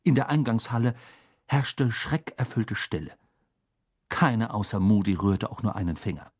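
A man narrating an audiobook in an expressive storytelling manner. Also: fairly low pitch, normal speed, breathy edge.

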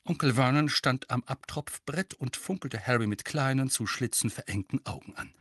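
A man narrating an audiobook in an expressive storytelling manner. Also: medium pitch, normal speed, breathy edge, no room sound, studio quality. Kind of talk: scripted narration.

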